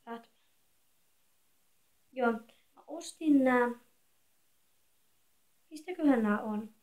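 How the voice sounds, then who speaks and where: Soft-spoken young teen girl vlogging. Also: fairly high pitch. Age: 13-year-old girl. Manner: quiet, soft-spoken, rambling and chatty. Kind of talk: casual home vlog. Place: echoey bedroom at home. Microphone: phone camera.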